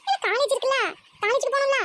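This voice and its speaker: A woman's voice: very high voice, racing, fairly bright tone, a little hiss or hum, pitched above the performer's own voice. A woman voicing a whiny, demanding young daughter in a cartoon. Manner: whiny, pleading. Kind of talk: cartoon voice acting.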